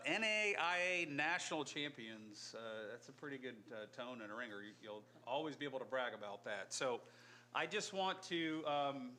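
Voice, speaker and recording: A man's voice: on the high side, sharp tone. Chatty upbeat man at a council meeting. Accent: Indiana. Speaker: council president. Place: city council chambers. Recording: crowded chamber with background noise.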